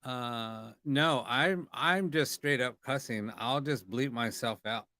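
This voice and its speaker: Bright, crisp-voiced man hosting a ghost hunt. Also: mid-range voice, slow pace, dry recording. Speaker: host of a live ghost box session. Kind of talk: casual livestream chat, questioning spirits.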